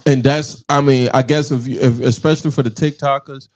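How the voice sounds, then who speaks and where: A man's voice: medium pitch, fairly even intonation, a little fast. A man in his forties hosting a podcast, chatting casually, profane and laughing as he tells stories, with a Southern US accent. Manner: loud, profane, laughing storyteller. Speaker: podcast host. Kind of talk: casual chat. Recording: dull lo-fi sound.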